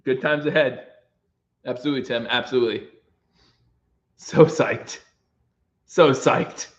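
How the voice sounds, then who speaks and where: A man's voice: medium pitch, measured pace, reverberant, lo-fi sound. A young man hosting a fan livestream, giving emotional play-by-play and reading out chat comments. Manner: emotional, swinging from choked-up talk to excited calls; reads out viewer chat comments. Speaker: livestream host.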